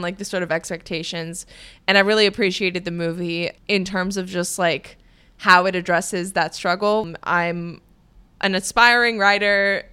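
A woman's voice: mid-range voice, bright, forceful tone, clear, resonant tone. A young woman co-hosting a movie podcast, chatting in a rambling, giggly way full of fillers. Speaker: podcast co-host. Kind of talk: casual chat.

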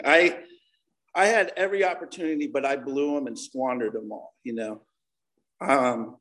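The recording is rough as a forties-aged man from Connecticut, speaking with an American accent and a medium-pitched voice, tells his personal story at a recovery meeting. His testimony is informal, candid and full of slang, like a conversation.

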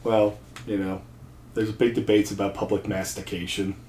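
A man's voice: on the low side, level tone, moderate pace, a little mellow, slight background noise. Dry-humored man in an echoey room. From New Jersey. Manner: dry, self-deprecating humor, often restarts mid-sentence. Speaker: podcast guest, seminary student and accountant. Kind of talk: casual chat.

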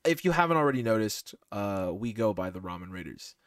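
A man hosting a casual podcast with friends, telling a story in animated, mock-exasperated bursts. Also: fairly low pitch, brisk, no room sound. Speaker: podcast host. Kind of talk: casual chat among friends.

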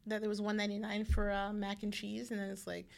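A woman co-hosting a casual podcast, chatting in a relaxed way about working as a server. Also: mid-range voice, fast, gravelly. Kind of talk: casual chat.

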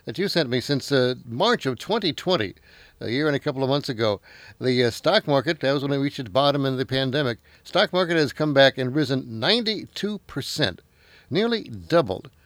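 A man's voice: medium pitch, lively intonation, a little fast, a bit bright, dry recording. A man hosting a live financial radio show, announcing and putting questions to an analyst.

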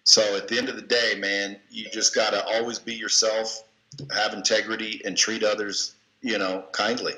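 A lowish, level male voice, pushed and bright, moves at a moderate pace. As an interview guest he delivers blunt coaching tips folksily, tossing in casual curses, and the echoey room colors the motivational conversation.

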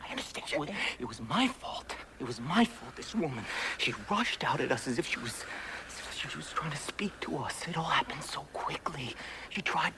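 An actor playing a guilt-ridden rich man who talks in a hushed, halting whisper. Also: on the high side, animated, heavy background noise. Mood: hushed guilty. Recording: film clip with loud music.

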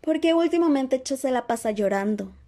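A woman's voice: a little high, moderate pace, darkish tone, pitched above the performer's own voice, lightly acted. A woman voicing a clever, bossy teenage schoolgirl in a dramatized audiobook reading, earnest and patiently explaining. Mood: matter-of-fact.

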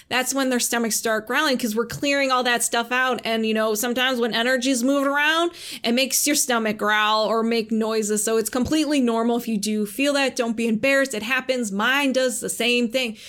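Brief: woman podcast host, casual explainer, slightly high voice, lively and chatty. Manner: chatty, acts out quoted voices, laughs easily. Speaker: podcast host and Reiki practitioner.

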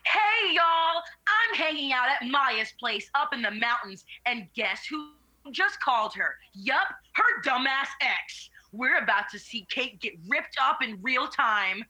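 A woman's voice: sits high, lively intonation, measured pace, pushed and bright, heavily acted, poor audio. An actress playing a gleeful influencer who mocks people and plugs her sponsors. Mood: smug. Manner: breezy, mocking, plugging sponsors. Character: smug woman influencer, gleeful and self-promoting.

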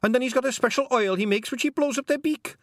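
A man pushes his voice to an extremely high pitch, talking quickly with a fairly bright tone in a dry, clean studio recording. He's playing a tiny, shy, polite pixie man in a kilt who speaks with a Scottish accent and defers to his mistress. The mood is chatty, though his manner stays hesitant and deferential.

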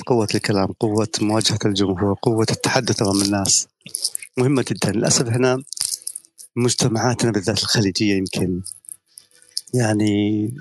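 A middle-aged man, a guest media professional, gives a talk in an audio chat room. Speaking in a lowish voice, he lectures persuasively and shares anecdotes.

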